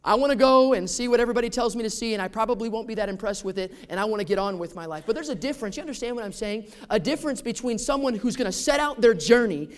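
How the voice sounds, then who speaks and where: Male pastor, high-pitched, conversational sermon delivery with rhetorical questions. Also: animated, racing, hardly any pauses.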